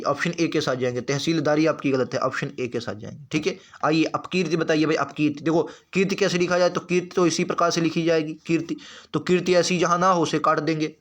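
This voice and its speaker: A man teaching an exam spelling lesson, who goes through each question, repeats words slowly and keeps checking with the class. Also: a little high, fairly bright tone. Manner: repeats words slowly and drills answers with "ठीक है"; addresses students as friends, occasionally apologizes.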